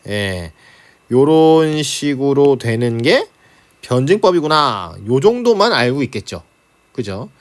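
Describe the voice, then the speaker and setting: A man teaching reading comprehension for exams in a lecture, often checking in with rhetorical questions. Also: medium pitch. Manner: lively, frequent rhetorical questions and "자, 그죠?" check-ins. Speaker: Korean language teacher. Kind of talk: exam-prep lecture.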